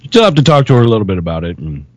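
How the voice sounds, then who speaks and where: A man chatting casually on a podcast in a relaxed, joking way. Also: fairly low pitch, racing, dry recording. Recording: dry dull lo-fi sound.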